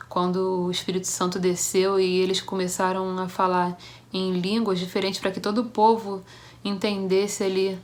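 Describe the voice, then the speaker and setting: A young woman from Brazil giving a church devotional as a personal testimony, telling her story with halting restarts and acting out the voices of people in it. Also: lowish voice.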